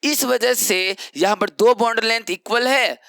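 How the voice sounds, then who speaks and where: A man's voice: very high voice, measured pace, sharp tone, clean tone, dry recording. A young man teaching chemistry in an exam-prep lecture, explaining step by step and asking rhetorical questions that he answers himself.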